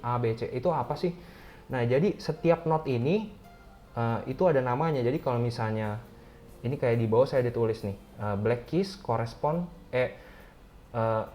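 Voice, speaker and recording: A man's voice: mid-range voice, a little mellow, slight background noise. A young man giving a casual beginner music theory lesson, chatty and full of fillers, as the show's host. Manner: chatty, many fillers like "gitu" and "nah". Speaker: music teacher.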